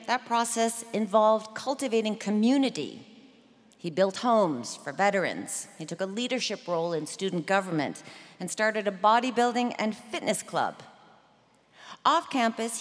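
A middle-aged woman delivering a prepared commencement speech in a deliberate, measured storytelling manner at a podium microphone. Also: mid-range voice. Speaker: commencement speaker. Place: large ceremony venue. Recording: long reverb of a big venue.

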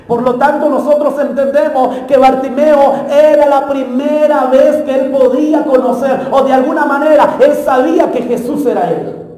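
A man preaching a Pentecostal sermon with passion, often shouting and acting out a beggar's cries. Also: very high-pitched, steady tone, normal speed. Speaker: pastor. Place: church hall. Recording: echoey hall, long reverb.

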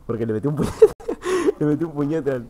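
Speaking rapid-fire, a man with a Peruvian Spanish accent streams from an internet café booth and talks loosely with his audience. He's excitable and profane, swinging from loud bursts to low muttering.

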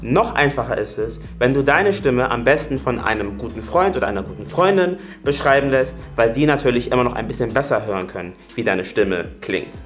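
A man's voice: medium pitch, animated, brisk, hardly any pauses, faint music behind. A man in his late twenties, a singing coach, giving an upbeat, chatty YouTube singing tutorial and demonstrating different voice types as he goes. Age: late 20s.

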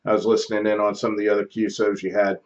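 A middle-aged American man chats casually over amateur radio from his home office radio room, using call signs and phonetic spelling. His lowish voice is monotone, rapid-fire, and a little mellow, captured by a close studio mic on a boom arm with the highs cut off.

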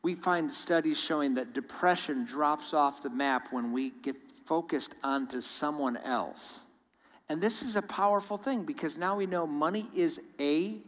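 Man preaching in an echoing hall. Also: fairly high pitch. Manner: animated storytelling with laughs. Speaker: guest speaker. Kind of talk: sermon. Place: church. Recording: long hall reverb.

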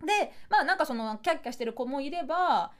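A woman with a slightly high voice hosts a radio show, chatting casually into a studio microphone. She rambles from one idea to the next, jokes around and laughs easily. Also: animated, quick pace. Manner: playful, rambling, laughs often. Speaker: radio host.

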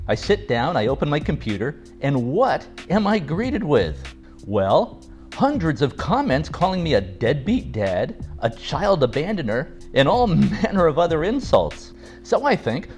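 A man in his sixties giving a measured, animated explanation with wry asides, recorded seated at home. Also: a little high. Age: 60s. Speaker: father responding to a video. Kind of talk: scripted video response. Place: home room, seated in leather armchair.

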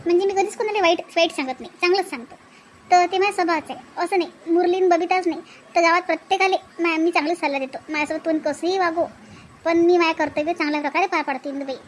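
Woman voicing chatty older village woman, rambling, quick, high cartoon voice. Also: a little hiss or hum. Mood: modest. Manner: rambling and self-justifying.

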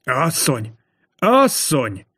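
A man's voice: high voice, sing-song, breathy edge, heavily acted. A man voicing a nervous, greedy innkeeper who stammers and blusters in an audiobook. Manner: shaky, hesitant, blustering.

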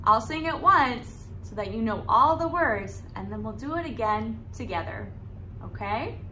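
A woman in her thirties using an animated, exaggerated kindergarten teacher voice to lead preschool songs and stories for small children. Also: a little high, unhurried, roomy sound, slight background noise, rough recording. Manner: animated, exaggerated, sing-song delivery for young children. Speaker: preschool circle time teacher. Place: small indoor room set up as a classroom.

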